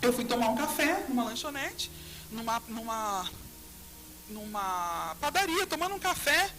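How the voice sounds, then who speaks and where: A Brazilian woman pastor with a high, bright voice, telling her testimony in a lively storyteller's way. She acts out conversations as she tells them. Faint music plays behind her. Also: unhurried. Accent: Brazilian Portuguese. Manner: animated storytelling, acting out dialogue with God. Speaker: pastor and guest. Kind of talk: testimony in a faith interview.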